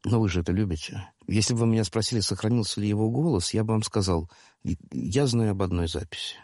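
A man in his sixties telling a story in a conversational, digressive way, with halting restarts. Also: lowish voice, a little mellow, dry recording, studio quality. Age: 60s. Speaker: storyteller guest.

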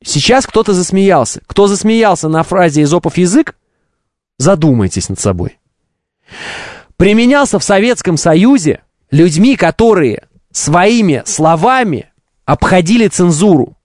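Animated, higher-voiced man lecturing emphatically. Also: measured pace, no echo, studio quality. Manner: didactic, emphatic, rhetorical questions, ironic asides. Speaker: live stream host. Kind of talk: opinionated live monologue to chat.

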